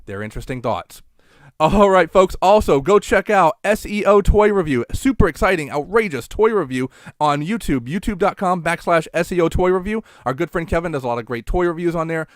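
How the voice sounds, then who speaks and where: A man's voice: fairly high pitch, dry recording, clean studio sound. A man hosting a casual live online show, chatting in a folksy showman's way and plugging sponsors to his viewers.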